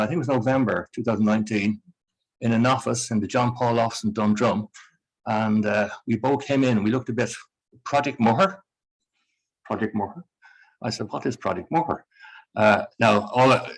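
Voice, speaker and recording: Husky man introducing a speaker. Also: mid-range voice, moderate pace, poor audio. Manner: chatty with light humor. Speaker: event chair introducing a speaker. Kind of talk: formal event introduction. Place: lecture room with live audience.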